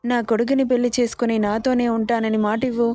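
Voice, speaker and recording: Sweet motherly aunt calming a scared girl , lady reading, dry close sound. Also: a little high, fairly quick, no echo, natural voice. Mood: tender. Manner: soothing, reassuring. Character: gentle affectionate middle-aged mother-in-law.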